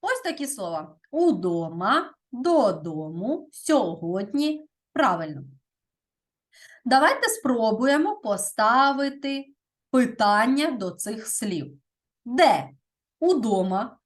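Slow, deliberate woman teacher. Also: on the high side. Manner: slow, deliberate, checks in with "так?". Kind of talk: primary school grammar lesson.

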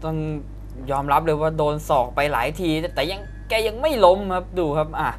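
A man's voice: a little high, animated, brisk. Exclamatory male Muay Thai commentator, faint arena noise. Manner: exclamatory, reacting to each strike. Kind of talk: live sports commentary. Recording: broadcast with arena crowd noise behind. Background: faint fight-arena ambience.

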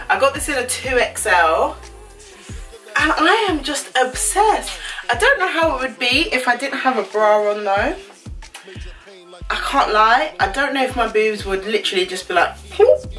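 A fashion vlogger chats casually in a small bedroom, gushing over a clothing try-on haul and tossing in slangy asides. Her voice is a little high with a fairly bright tone, and she sounds far off, picked up by a camera on a stand a few feet away.

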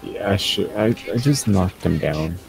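A man's voice: low-pitched, animated, measured pace, gravelly, soft background music. A young man chatting casually while playing a heist game with a friend, rambling with many restarts. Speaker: gamer. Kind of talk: casual gaming chat. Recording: noisy game audio behind.

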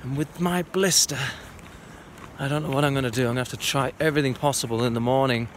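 Casual, self-deprecating male hiker talking to a handheld camera outdoors, mid-pitched, faint ambient noise. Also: fairly even intonation, fast talker. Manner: chatty, self-deprecating, rambling. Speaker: trekking vlogger. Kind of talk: casual vlog narration while hiking. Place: outdoors on a mountain trail.

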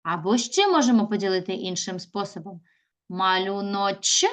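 Woman teacher, recorded video lesson for children, slow drawn-out syllables, middle-aged, mid-range voice. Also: mid-range voice, expressive. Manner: slow, drawn-out syllables when sounding out words. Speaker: primary school teacher.

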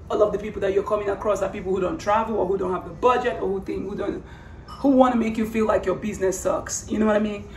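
A woman with a hoarse voice that is giving out, talking casually and earnestly in a personal vlog, rambling and repeating phrases for emphasis. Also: mid-range voice, a little mellow. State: hoarse, losing her voice. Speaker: vlogger. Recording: roomy, distant mic, faint background noise.

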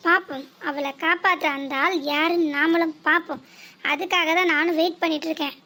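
A woman's voice: very high voice, a bit bright. A woman voicing a cold, scheming mother in a cartoon who boasts and threatens. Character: scheming wealthy mother plotting against a rival girl.

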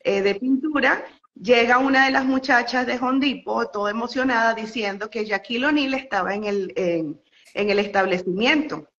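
A young Venezuelan woman spills out a story in a bright, forward voice, full of fillers, restarts and little laughs. The line sounds slightly muffled and lo-fi. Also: on the high side, normal speed. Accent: Venezuelan Spanish. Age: young adult. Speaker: interview guest. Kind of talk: casual phone interview storytelling.

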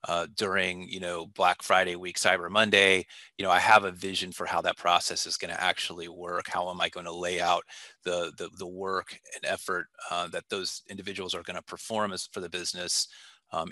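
A man in his thirties, a technical product manager at a warehouse, answers interview questions over a video call using a headset mic in a small indoor room. His deep voice sounds pushed and bright with no echo, and he is thoughtful but full of fillers and restarts.

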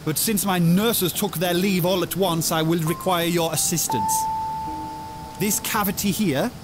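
A man's voice: sits high, a little slow, over loud music. An actor voicing a commanding, theatrical male doctor who brings the dead back to life in a video game. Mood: instructing.

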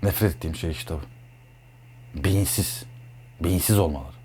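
A man's voice: deep voice, moderate pace, a little mellow, a little hiss or hum. A man talking as an astrologer in a blunt, heated monologue, repeating himself a lot. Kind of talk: casual monologue.

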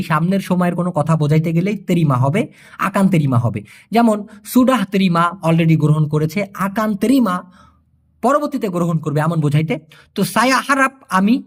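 A man teaching in a casual video lesson, explaining each word slowly and repeating phrases, with the odd joke to the viewer. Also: high voice, a bit bright. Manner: jokes with the viewer. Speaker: language teacher.

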